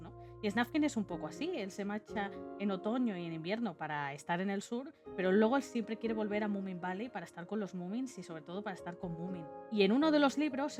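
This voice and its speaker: A woman with an accent from Spain giving casual video essay commentary in an informal, chatty manner. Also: medium pitch. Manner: informal and chatty, with conversational tag questions. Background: background music.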